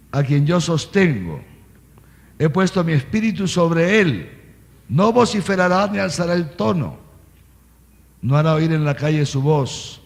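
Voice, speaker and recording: A man preaches a catechesis, his pitch sitting a little high and leaping up and down as he talks. He checks in with the crowd through constant little questions and a quick "¿eh?". His voice rings out with a long echo through a big hall. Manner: animated, peppers talk with "¿eh?" and questions to listeners; reads scripture aloud, then explains it in everyday words. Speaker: archbishop giving catechesis. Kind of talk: catechesis sermon to a live audience. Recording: long reverb of a large hall.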